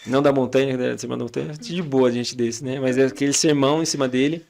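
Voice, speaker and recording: A man's voice: mid-range voice, fairly even intonation, quick pace, vocal fry, a little mellow. A man in his thirties with a Brazilian Portuguese accent, a podcast guest telling stories about raising his kids and acting out the family's back-and-forth. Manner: storytelling, acting out family dialogue. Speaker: podcast guest, father and church leader. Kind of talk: casual chat.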